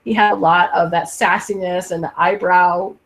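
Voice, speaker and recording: A woman's voice: fairly low pitch, fairly even intonation, a bit bright, poor audio. Woman on a glitchy, dropping-out call. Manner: halting, full of restarts and fillers. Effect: glitchy audio that keeps cutting out. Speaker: podcast host. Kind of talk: casual TV-show review chat. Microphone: headphone mic over an online call.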